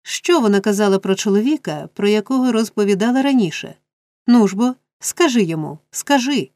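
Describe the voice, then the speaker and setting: A woman voicing a frantic, scheming old male fence in an audiobook reading, shrill and insistent. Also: animated, fairly quick, a little mellow, dry recording, lightly acted.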